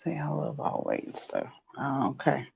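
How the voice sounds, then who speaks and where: A woman with a Southern US accent chats with viewers on her crochet live stream and laughs often. Her voice is husky and a little breathy. It comes through dull, lo-fi live-stream audio. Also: rumbling low, wildly swooping pitch, unhurried, a little mellow. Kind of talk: casual chat reading viewer comments.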